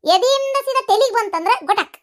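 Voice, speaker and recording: A woman voicing chatty village women in a comic cartoon, with a North Karnataka Kannada accent and a shrill, exclaiming manner. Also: lively intonation, brisk. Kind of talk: cartoon voice acting.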